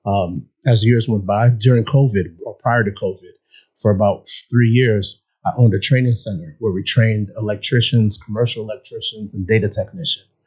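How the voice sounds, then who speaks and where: A man's voice: on the low side, steady tone, normal speed, darkish tone, husky, lo-fi sound. A man born in Nigeria and raised in upstate New York, a guest explaining his experiences earnestly in a casual interview.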